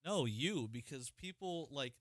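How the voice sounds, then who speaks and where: A man's voice: mid-range voice, measured pace. A man co-hosting a podcast in casual chat, ranting with lots of swearing. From Ohio, United States. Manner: profane, animated ranting. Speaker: podcast co-host.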